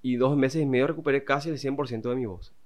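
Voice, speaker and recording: A man's voice: medium pitch, fairly even intonation, fast. A man who teaches singing and voice, explaining vocal technique in a casual interview.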